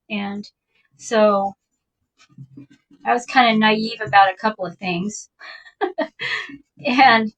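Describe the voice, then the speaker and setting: A woman's voice: on the high side, a bit bright, recorded from a distance, low-quality recording. A woman casually telling a personal story in a chatty, rambling way, laughing often as she talks. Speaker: vintage shop owner telling a personal story.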